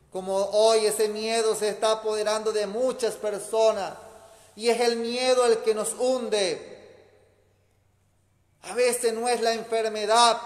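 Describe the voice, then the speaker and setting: A man preaching a homily at mass, emphatic and repeating his key phrases. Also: high-pitched. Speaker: priest. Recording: echoey church reverb.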